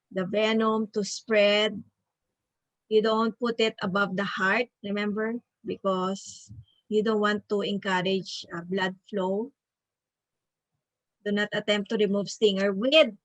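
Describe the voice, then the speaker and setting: A woman's voice: medium pitch, no room sound, low-quality recording. A woman leading an online nursing review class over a video call, often tagging her points with a questioning "no?".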